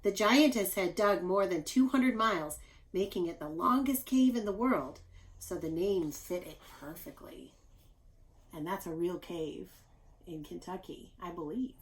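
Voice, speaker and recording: A little slow and fairly low in pitch, this teacher reads a story aloud for children. She explains everything in simple terms and speaks to the young listeners directly, with lively emphasis.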